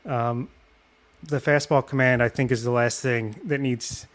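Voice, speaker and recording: A man's voice: mid-range voice, steady tone, a little slow. A man co-hosting a podcast in casual chat, thinking aloud and hedging his points. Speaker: podcast co-host.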